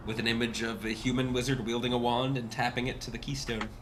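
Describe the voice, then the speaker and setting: A man narrating as dungeon master in an online tabletop game, relaxed and hesitant with fillers. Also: mid-range voice, fast, noisy background.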